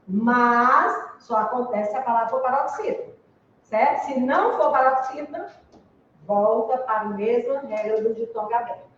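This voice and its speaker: A Brazilian woman teaching a Portuguese grammar class, slow and deliberate, spelling out letters and checking with her students. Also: on the high side, slight background noise. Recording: echoey room, distant mic, dull sound.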